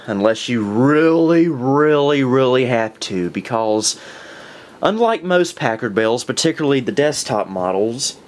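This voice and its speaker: A man's voice: medium pitch, slight background noise. A young man hosting a video, worn out and a little winded, talking in a chatty, enthusiastic way that often stops to restart a thought. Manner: chatty, self-correcting, enthusiastic. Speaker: vintage computer video host. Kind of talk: casual talk to camera.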